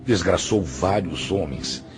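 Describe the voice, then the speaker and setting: In a radio drama with music playing underneath, a man with a low voice plays a stern yet patient spiritual master, a grave moral counselor. He speaks slowly, solemnly admonishing and teaching.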